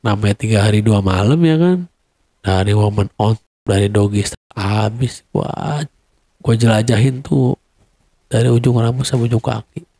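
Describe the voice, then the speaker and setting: A young man with a Jakarta accent telling a personal story in a casual, animated way. He acts out quarrels in a raised voice. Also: lowish voice, normal speed, no room sound.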